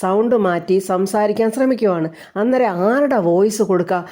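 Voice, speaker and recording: A woman with a mellow, warm voice recaps a television serial episode. She tells it in a chatty storyteller's way. She slips into the characters' lines along the way. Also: medium pitch, fairly quick.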